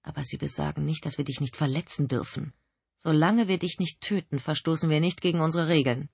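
A woman voicing a suave male cult leader who speaks in a measured, condescending way, for an audiobook. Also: deep voice, steady tone, vocal fry, darkish tone, husky, no room sound, heavily acted. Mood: sour.

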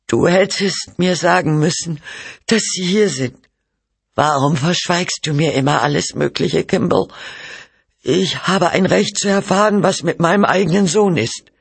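A frail, distraught mother speaks in a raised, strained pitch, as a male reader puts her on. She is bitter and accusing, with breathless outbursts and a husky edge. The recording is dry and close. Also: expressive, unhurried, no echo, exaggerated voice. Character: frail distraught mother, middle-aged woman.

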